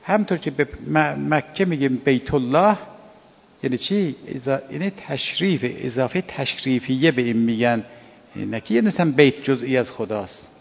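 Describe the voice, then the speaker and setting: A man giving a lecturing sermon, animated and full of rhetorical questions, recorded with a dull sound. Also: mid-range voice, creaky. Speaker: cleric. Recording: dull recording with long hall reverb.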